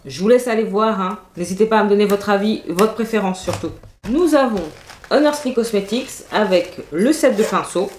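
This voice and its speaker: A woman's voice: mid-range voice, moderate pace, darkish tone. A woman, chatting enthusiastically through a makeup and clothes haul, full of fillers and asides. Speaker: beauty vlogger. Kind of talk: casual haul video chat. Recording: echoey room, faint noise.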